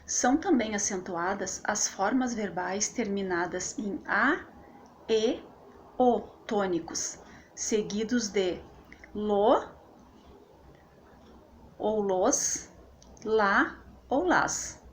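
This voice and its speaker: A woman gives a recorded grammar lesson at a slow, unhurried pace, pausing to check in with her viewers. Her voice sits at a middle pitch, and faint background noise runs under the recording. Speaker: course instructor.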